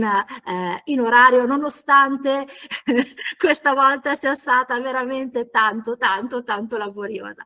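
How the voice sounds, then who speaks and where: A woman's voice: fairly high pitch, a bit bright. A woman teaching an online lecture, chatty, with frequent laughs and fillers. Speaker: teacher trainer.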